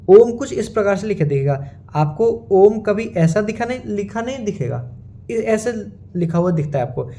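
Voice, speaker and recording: A man gives a teaching lecture. His voice sits high, with a warm, mellow tone. He keeps asking his listeners questions and then answers them himself. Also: highs cut off. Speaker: Sanskrit teacher. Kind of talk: classroom-style lecture.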